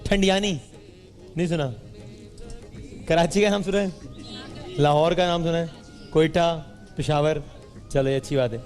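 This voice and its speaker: A man hosting a live studio quiz, teasing and bantering quickly with the audience. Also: a little high, fairly even intonation. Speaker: game show host. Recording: roomy hall with music and crowd.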